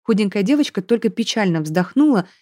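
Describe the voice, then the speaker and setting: A woman reading a fairy-tale story aloud in first person, expressive, on a close mic. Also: mid-range voice, brisk, no room sound. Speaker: audiobook reader.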